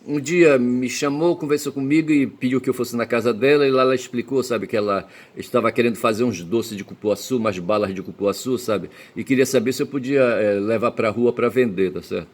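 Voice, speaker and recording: A man talks on at length in a rambling monologue, his voice sitting at an ordinary middle pitch. He swears freely and hangs a questioning tag on almost every phrase. He jumps from loud, emphatic bursts down to low, murmured asides. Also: brisk, few pauses. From Belém, Pará, Brazil. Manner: peppers speech with tag questions; profane, emphatic outbursts. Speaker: commentator.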